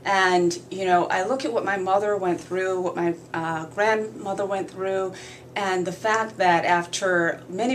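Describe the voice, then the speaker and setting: A woman from Barbados, a guest author in a radio interview, speaking earnestly and in measured phrases with frequent fillers. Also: lowish voice, slight background noise, poor audio.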